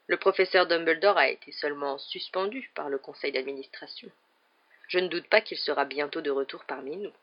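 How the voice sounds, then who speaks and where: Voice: medium pitch, brisk, close to an everyday voice. A reader voicing a cold, scornful male teacher who speaks curtly, in a dull lo-fi recording.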